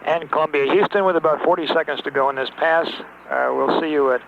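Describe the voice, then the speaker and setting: A man at mission control talking to a spacecraft crew over a narrow-band radio transmission, in clipped, halting radio procedure with many fillers. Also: on the high side, vocal fry. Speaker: mission control capsule communicator. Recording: tinny radio link with faint hiss.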